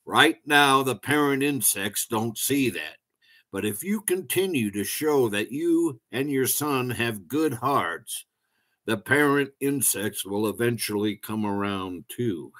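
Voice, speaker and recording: Wise old walking stick insect, calm and kindly, unhurried storybook voice, read by a man. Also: mid-range voice. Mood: wise, reassuring.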